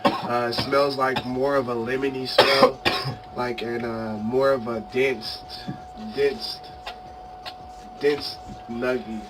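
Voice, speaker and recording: A man chatting casually and unscripted in a halting, repetitive, slangy way, broken up by coughing. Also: medium pitch, flat delivery. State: coughing fits from smoking. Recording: distant mic, loud background noise, clicks.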